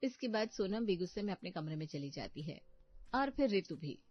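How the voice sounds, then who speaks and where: A woman giving scripted narration of a family story in an even storytelling manner. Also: on the low side, fairly quick. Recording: muffled, faint background music.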